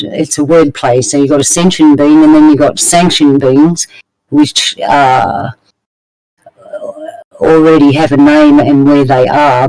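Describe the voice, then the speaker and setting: A man's voice: on the high side, a little mellow, no room sound, rough recording. A man leading a casual round-table discussion, thinking aloud and posing searching questions one after another.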